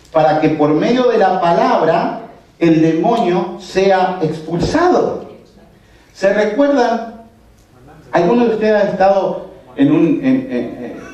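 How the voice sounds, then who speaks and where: Slow, emphatic preaching pastor. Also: male voice, high voice, a little mellow. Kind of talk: sermon. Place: church hall. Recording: echoey church from far off.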